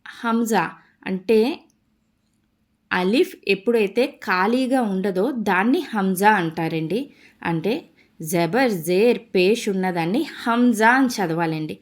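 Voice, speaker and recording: Woman, young adult online teacher, unhurried dictation, drills letter sounds one by one. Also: medium pitch. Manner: slow, dictating pace for note-taking; recites letters and vowel marks in steady drills. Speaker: Arabic teacher. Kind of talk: online lesson explanation.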